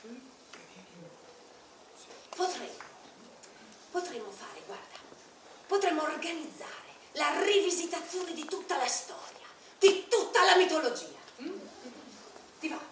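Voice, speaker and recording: Actress as a high-voiced chatty clown woman, scheming and coaxing; distant live stage recording in a heavily echoing hall. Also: very animated, measured pace, pauses often, slight background noise. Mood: conspiratorial. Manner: chatty, playful, coaxing the listener. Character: playful scheming female clown prisoner. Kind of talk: live tragicomic stage performance. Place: large old hall or castle venue.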